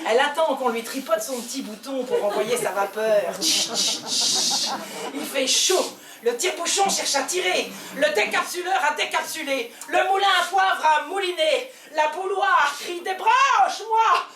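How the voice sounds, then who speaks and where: A woman with a Belgian French accent performing a theatrical stand-up monologue on stage, swinging between loud outbursts and hushed asides. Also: sits high, normal speed, a little hiss or hum. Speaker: comedian. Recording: echoey hall, voice from far off, faint ambience.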